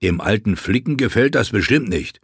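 A man voicing a big, crude male warrior in an audiobook, gruff and offhand. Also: on the low side, lively intonation, moderate pace, no echo, clean studio sound. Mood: gruff, mocking. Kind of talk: audiobook character voice.

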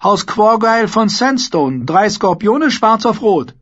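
A man's voice: high voice, very animated, a bit bright, pitched above the performer's own voice, heavily acted. A man voicing a nervous, eager young male squire who talks shyly and hurriedly, in a storybook reading. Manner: shy and hurried, gaining confidence. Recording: dull lo-fi audiobook recording.

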